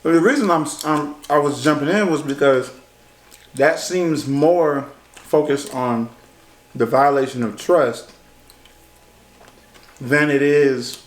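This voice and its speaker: A man's voice: a little high, takes it slowly, pauses often. A man with an American accent chatting casually, thinking aloud and often checking that he is understood. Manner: hesitant, thinking aloud, hedging with frequent checks. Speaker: co-host of a mukbang chat show. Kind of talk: casual relationship chat. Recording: roomy echo, faint background noise.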